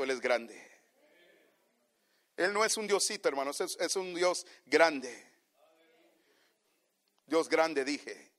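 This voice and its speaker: High-voiced preacher shouting and dropping low. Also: male voice. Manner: rises from low asides to loud shouting; addresses congregation as brothers. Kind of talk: sermon.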